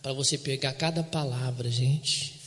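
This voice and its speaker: A man preaching a sermon as pastor, reading scripture slowly and repeating words to drive them home. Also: medium pitch, fairly even intonation, fairly bright tone. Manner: reads scripture slowly, repeats words, asks the congregation to respond. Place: church broadcast on radio. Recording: long hall reverb.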